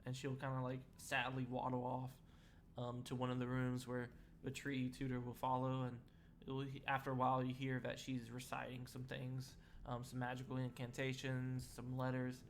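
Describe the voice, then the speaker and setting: A man's voice: mid-range voice, monotone, moderate pace, a little hiss or hum. A man narrating a tabletop role-playing game as game master, rambling and chuckling with many fillers.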